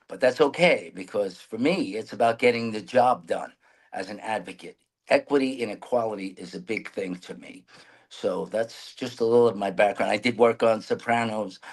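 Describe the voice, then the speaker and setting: Earnest New man, low voice. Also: breathy edge, poor audio. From New York City. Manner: earnest, rambling with restarts. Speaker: mayoral candidate guest. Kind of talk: interview answers.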